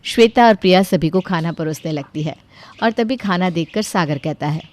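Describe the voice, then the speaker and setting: A woman narrating a scripted storybook tale in a clear, expressive way. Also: fairly low pitch, normal speed, no echo.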